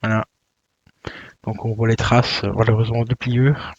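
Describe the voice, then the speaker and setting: A man's voice: on the low side, little pitch movement, moderate pace, muffled recording. A man chatting casually while he unboxes a video game, with lots of fillers and self-corrections. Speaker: YouTuber unboxing video games.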